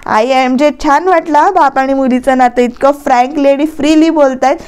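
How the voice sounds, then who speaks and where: A woman's voice: high voice, moderate pace, darkish tone. A woman narrating a casual voice-over recap of a TV serial, chatty and speaking to her viewers.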